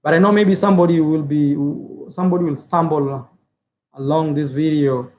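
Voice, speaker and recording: High-pitched man, from Africa, casual vlog, earnest, repetitive, filler-heavy. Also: fairly even intonation, moderate pace, a little mellow, muffled recording, slight background noise. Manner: earnest, repeats phrases, many filler words. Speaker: YouTuber. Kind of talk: casual opinion vlog, reading viewer comments.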